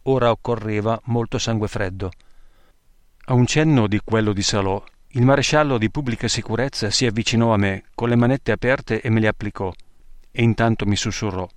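Man, low voice, measured memoir reading, grave, dry close sound. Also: no echo. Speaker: narrator.

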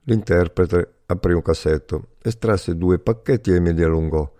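A man narrating a first-person memoir in a measured, steady reading. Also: sits low, dry recording.

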